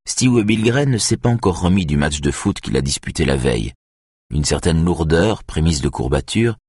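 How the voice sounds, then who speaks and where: A man narrating an audiobook thriller in a steady, measured way. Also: low voice, breathy edge, no room sound, clean studio sound.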